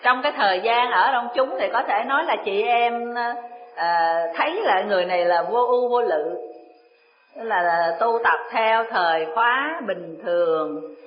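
A woman's voice: fairly high pitch, unhurried. A Buddhist woman teacher, giving a dharma talk in a chatty storytelling manner. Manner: chatty storytelling, laughs often. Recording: echoey room, dull lo-fi sound.

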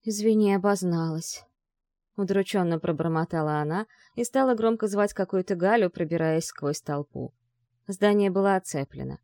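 A woman's voice: fairly low pitch, normal speed, dark tone, no room sound. Dry, close audiobook narration by a woman. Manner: reads dialogue in raised, urgent tones.

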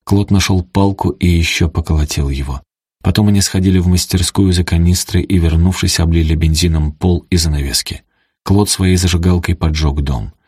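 A man with a very low, husky voice reads an audiobook aloud in a steady, dramatic way. He is recorded close and dry, with no room sound at all. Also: normal speed, no echo. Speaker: narrator. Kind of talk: audiobook reading.

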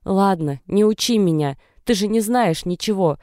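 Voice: medium pitch, normal speed, darkish tone, no room sound, studio quality, voice pushed up, lightly acted. Narrator voicing a tearful, defiant young woman. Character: young distressed pregnant woman. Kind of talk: audiobook character reading.

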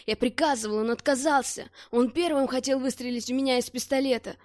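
A woman voicing a panicking, bullying armed man who shouts hysterically in a hoarse voice. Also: high voice, fairly quick, dry recording, clean studio sound, close to an everyday voice.

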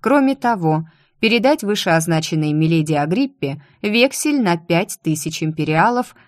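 A woman narrating a first-person audiobook in a steady, expressive reading. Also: fairly low pitch, normal speed, dry recording, studio quality.

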